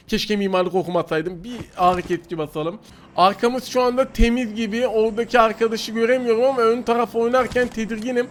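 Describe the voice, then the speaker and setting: A man giving excitable live commentary on a shooting game, now and then breaking into frustrated shouts. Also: high-pitched, background noise. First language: Turkish. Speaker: gaming YouTuber. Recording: loud gunfire from the game behind. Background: game gunfire and clicks.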